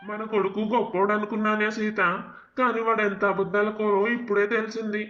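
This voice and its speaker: A man's voice: high-pitched, little pitch movement, fairly quick, lo-fi sound, a little hiss or hum, close to an everyday voice. A man voicing a worried, proud elderly village father in a cartoon family drama, speaking sternly with authority. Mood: hurt, stern.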